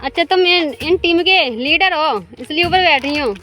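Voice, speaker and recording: Chatty woman filming a farm vlog outside, high bright voice, faint music behind. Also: unhurried. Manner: chatty, laughs often. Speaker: vlogger. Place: outdoors in rural fields.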